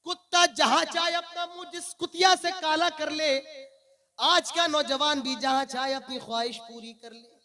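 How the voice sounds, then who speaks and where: A man in his late twenties giving an impassioned religious speech as a preacher, declaiming fervently and swelling loud on his exhortations. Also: very high-pitched, steady tone, normal speed. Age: 20s. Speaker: Islamic preacher.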